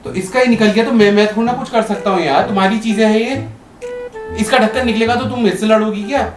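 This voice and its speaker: In a staged prank, a husband argues with his wife at home, over and over demanding to know what went wrong. His high-pitched voice moves a little fast with fairly even intonation, sounding reverberant over music in this casual domestic quarrel.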